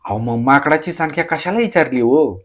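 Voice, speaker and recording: Man plays a sly rustic joker, slow and teasing, storybook telling. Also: fairly high pitch, expressive. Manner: slow, drawling, teasing, throat-clearing. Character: sly joking male villager, slow teasing talker.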